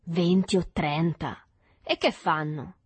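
A woman voicing a rough, threatening poor teenage boy who mocks and challenges a rich boy, in a storybook reading. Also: medium pitch, animated, moderate pace, voice pushed up. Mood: curious. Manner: loud, mocking, threatening.

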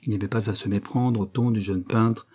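Un homme qui lit un roman en livre audio, d'une lecture posée et régulière. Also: male voice, lowish voice, steady tone, brisk, warm tone. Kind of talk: audiobook narration.

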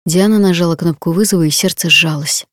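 A woman reading a novel aloud in an even, intimate storytelling manner. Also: lowish voice, a little fast, no room sound, studio quality. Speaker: audiobook narrator. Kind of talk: scripted audiobook narration.

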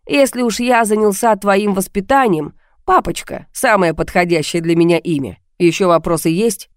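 A woman's voice: mid-range voice, normal speed, smooth, dry recording, studio quality, natural voice. A woman reading an audiobook, voicing a mocking, menacing male blackmailer who talks down to his victim on the phone. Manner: sneering, condescending, calls her baby.

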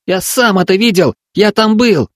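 A frightened young village boy, as a man voices him, begs and insists in a raised, boyish pitch, his words catching near tears. It's a storybook reading, so the voice sits well above the reader's own low register. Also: moderate pace, no room sound, clean studio sound, lightly acted. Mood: insistent.

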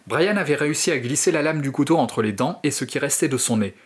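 A man's voice: a little high, quick pace, breathy edge. Man reading a horror story with flair. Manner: expressive, theatrical storytelling. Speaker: narrator and host.

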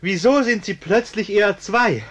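In a German radio play, an actor portrays a pompous, self-righteous middle-aged householder who blusters with indignation. The male voice is high-pitched and a bit bright, delivered at normal speed.

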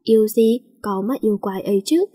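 A woman's voice: on the high side, brisk, dark tone, slightly rough. A woman voicing a feisty, irritable schoolgirl heroine in a storybook reading. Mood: irritated. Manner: irritable, grumbling. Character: feisty schoolgirl heroine, sulky and sharp-tongued.

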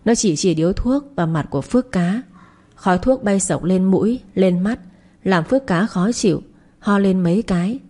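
A woman narrating a story in a steady, even way. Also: mid-range voice, normal speed.

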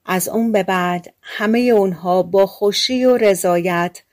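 A woman's voice: mid-range voice, darkish tone. A woman reading a fairy tale aloud as an audiobook narrator, giving the characters' lines within the story.

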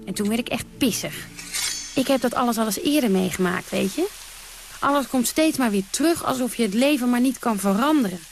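A woman's voice: on the high side, expressive, a little fast, gravelly. An actress playing a brash, defiant woman who tells of her wild nights in a theatrical radio monologue, blunt and dry with sudden outbursts. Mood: brooding.

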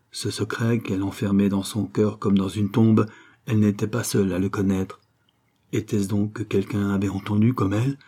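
Low husky male audiobook narrator. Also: dark tone. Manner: measured, dramatic storytelling. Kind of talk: literary narration.

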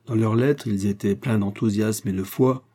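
A man's voice: fairly low pitch, fairly even intonation, moderate pace, warm tone, lightly acted. A man voicing a fierce young Spanish woman, a vengeful guerrilla fighter, speaking with burning hatred in an audiobook. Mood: grieving. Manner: burning, hateful, hissing delivery. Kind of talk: audiobook character voice.

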